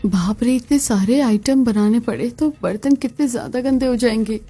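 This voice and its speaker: A woman's voice: fairly high pitch, moderate pace, dark tone, slightly rough. A woman voicing a lazy, mocking elder sister-in-law in a cartoon, with a smug, teasing tone.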